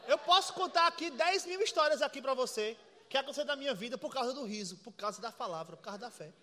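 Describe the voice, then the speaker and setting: A man preaching with a strikingly high, bright voice, animated and playful as he demonstrates and imitates laughter. His voice rings out with a long reverb, as in a large hall. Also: fast talker. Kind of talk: lively sermon.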